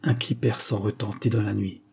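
A man narrating an audiobook in a measured, dramatic reading. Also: fairly low pitch, fairly even intonation, gravelly, mellow, slightly rough. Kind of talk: scripted narration.

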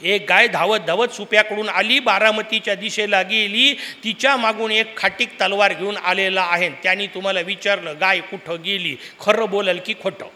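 A man's voice: sits high, steady tone, normal speed, hardly any pauses, bright, forceful tone. A man from the giving a Purana discourse, telling stories animatedly and asking the audience rhetorical questions. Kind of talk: religious discourse. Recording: long hall reverb.

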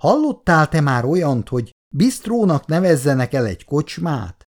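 A man's voice: fairly high pitch, very animated, voice pushed up. A reader voicing an easygoing middle-aged father who chats genially in a storybook reading.

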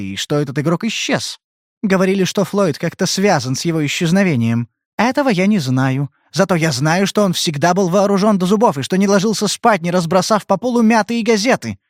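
A scared young woman pleads in a soft, trembling voice, as a man reads her part. Her lines sit far above the reader's usual pitch and swing widely in tone. The recording is close and dry. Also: no echo, lightly acted. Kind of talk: audiobook character reading.

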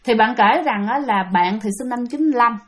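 A woman's voice: on the high side, a little fast. A woman narrating a ghost story in a chatty way, talking straight to her listeners. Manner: chatty, addresses listeners directly.

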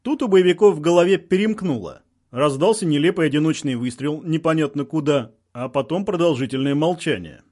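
A man reading a story aloud with lively, expressive narration. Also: on the high side, a little fast.

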